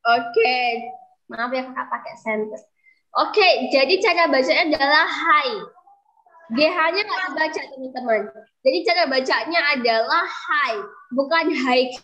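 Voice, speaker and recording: Guru perempuan bersuara tinggi, santai. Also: female voice, high-pitched, measured pace, bright, forceful tone. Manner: chatty, calls herself kakak, coaxes students to answer. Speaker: English tutor. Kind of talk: online class teaching. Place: room growing dark, using a flashlight. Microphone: video call. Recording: dull lo-fi video call audio.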